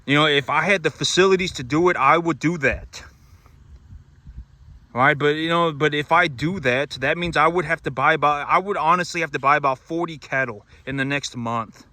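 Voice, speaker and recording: A man's voice: a little high, fairly quick, few pauses, pushed and bright. A man who raises cattle, talking casually and emphatically to his audience, repeating points and restarting sentences often. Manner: repetitive, emphatic, many restarts and fillers. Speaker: cattle rancher vlogger. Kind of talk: casual monologue to camera.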